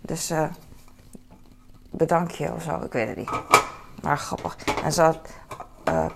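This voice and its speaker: A woman's voice: low-pitched, big pitch swings, measured pace, gravelly, very noisy. A woman chatting casually to camera at home in her kitchen, rambling with many fillers and asides to herself. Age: adult with a son. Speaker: vlogger. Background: dishes and cutlery clatter.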